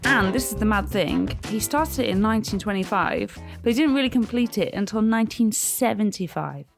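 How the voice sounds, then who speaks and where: A woman's voice: medium pitch, expressive, fairly quick, over music. Young woman from North Wales, casual travel vlogger, playful teasing delivery. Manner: teasing, chatty. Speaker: travel vlog co-host. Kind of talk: casual chat.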